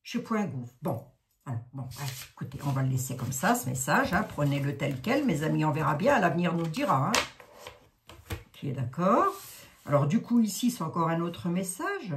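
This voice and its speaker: A woman's voice: low voice, very animated, moderate pace, slight background noise. A woman in her sixties with a Lorraine accent, reading oracle cards in a rambling, chatty way full of asides and fillers. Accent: Lorraine French. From Lorraine, France. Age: 60s. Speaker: card reader, psychic. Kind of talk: casual oracle card reading.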